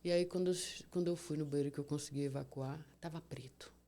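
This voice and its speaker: Female guest, gravelly lower voice, lively storyteller. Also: fast talker. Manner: vivid, animated retelling with acted-out dialogue and sound words. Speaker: guest, cancer survivor. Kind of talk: emotional storytelling in a podcast interview.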